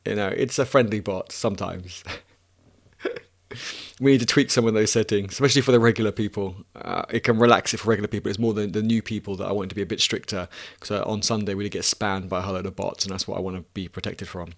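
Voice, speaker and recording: A man's voice: on the low side, fairly even intonation, fast talker, gravelly. A man in his thirties hosting a casual live stream, answering chat questions and thinking aloud with many restarts and self-mocking laughs.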